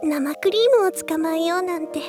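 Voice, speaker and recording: A woman's voice: very high-pitched, brisk, darkish tone, faint music behind. A woman voicing a sweet, timid teenage girl with a rustic verbal tic at the end of her lines, in a radio drama. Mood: remorseful. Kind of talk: anime radio drama acting.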